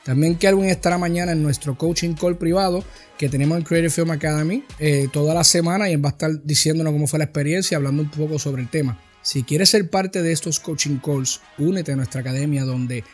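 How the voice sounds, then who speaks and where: Upbeat host with a fairly high voice. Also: male voice, steady tone. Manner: brisk listing of names and credits. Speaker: film academy host. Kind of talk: scripted weekly update. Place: home video studio with monitors and purple lights. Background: faint background music.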